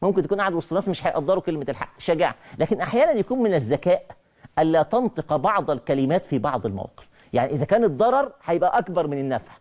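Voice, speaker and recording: A middle-aged man with an Egyptian Arabic accent giving a televised religious lecture, animated and repeating his key phrases. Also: a little high, racing.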